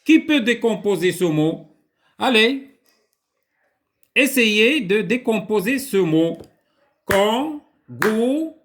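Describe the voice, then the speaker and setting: A man with a Moroccan accent teaching a writing lesson to young children, slowly repeating words for them to echo. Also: high voice, expressive, fairly bright tone.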